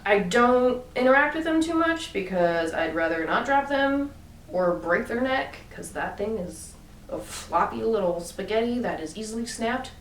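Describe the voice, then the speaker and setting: An adult woman vlogs about her personal choices, offering casual opinions at normal speed in a voice on the high side. Her manner is animated and emphatic, full of fillers and punctuated by rising bursts of emphasis. The recording has room echo, a far-off mic and background noise.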